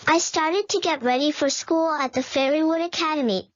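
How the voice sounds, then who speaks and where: Woman, first-person storybook narration, high voice, dull lo-fi recording. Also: moderate pace, slight background noise.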